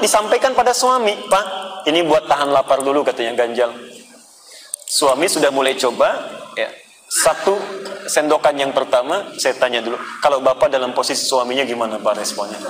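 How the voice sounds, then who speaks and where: A man's voice: mid-range voice, a bit bright, a little hiss or hum, rough recording. A man preaching a sermon to an audience, telling a story with acted quotes and putting questions to the listeners. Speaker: Islamic preacher.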